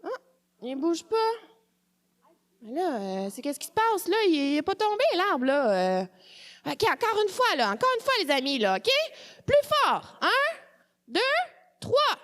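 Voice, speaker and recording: A woman with a Quebec French accent telling a story live, playfully coaxing the audience to shout along. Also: high-pitched, a little slow. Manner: lively, playful, coaxes the crowd to shout along. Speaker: storyteller voicing a signed tale. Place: hall at a live storytelling event. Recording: long hall reverb from a live event.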